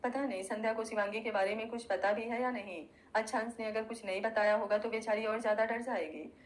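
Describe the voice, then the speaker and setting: A calm, caring young man in an audio love story, steady and reassuring with his friends, read by a woman storyteller. The voice stays fairly high, close to her own. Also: a little fast, close to an everyday voice. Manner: soothing, reassuring.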